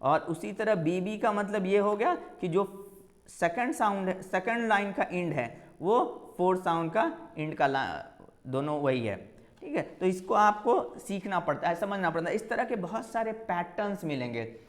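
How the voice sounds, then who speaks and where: एक महिला शिक्षिका परीक्षा की तैयारी का लेक्चर दे रही हैं, बीच-बीच में अंग्रेज़ी शब्द मिलाते हुए, बातें दोहरा कर कदम-दर-कदम समझाती हैं।. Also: female voice, on the low side, animated, unhurried, roomy sound. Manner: explains step by step, repeating key terms; mixes in English terms. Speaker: English literature teacher. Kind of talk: exam-prep lecture.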